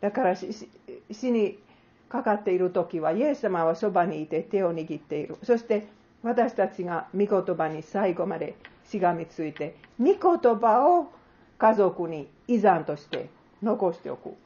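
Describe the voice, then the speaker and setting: Woman preacher, earnest sermon delivery, rhetorical questions, animated lilting pitch, dull lo-fi sound. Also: moderate pace. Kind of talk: sermon with closing prayer.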